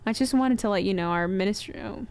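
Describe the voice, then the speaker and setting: A woman's voice: mid-range voice, fast talker, darkish tone, clean tone. A woman co-hosting a casual talk show, reading messages aloud and teasing her partner. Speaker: podcast co-host. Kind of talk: casual chat.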